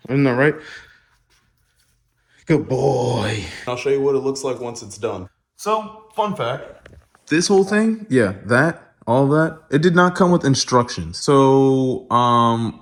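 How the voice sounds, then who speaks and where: Chatty man vlogging at home. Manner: chatty, talks to his dog in a high voice. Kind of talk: casual vlog chat. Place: his mother's house, indoors.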